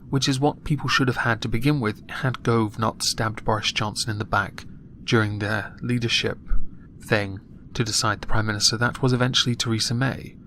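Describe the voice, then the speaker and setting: A man giving a political opinion monologue in a flat, monotone voice while clearly annoyed. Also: on the low side, a little hiss or hum. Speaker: political commentator.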